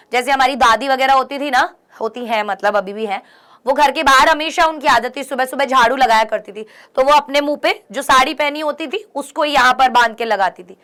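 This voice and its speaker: A young woman teaching an exam-prep lesson, reading English lines slowly and then explaining them, often asking her students questions to check they follow. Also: high voice, a bit bright, clear, resonant tone.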